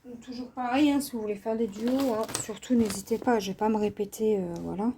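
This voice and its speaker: A woman hosting her own craft channel, showing her cross-stitch canvases in a casual, unhurried vlog, hesitant and full of fillers. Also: on the high side, fairly even intonation, warm tone, slight background noise. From France. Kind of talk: casual show-and-tell vlog.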